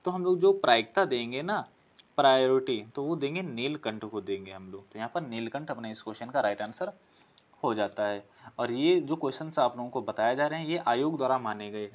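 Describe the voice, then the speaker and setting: A man teaching an exam-prep class works through questions, asking them aloud, answering them, and repeating key phrases as he explains. His voice is mid-range and fairly quick.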